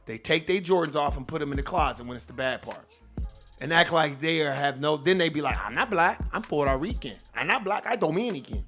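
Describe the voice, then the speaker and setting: A man's voice: on the high side, a little fast, a bit bright, soft background music. A man hosting his own channel, ranting in a heated, profane and emphatic way, with speech. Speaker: host. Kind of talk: casual rant to viewers.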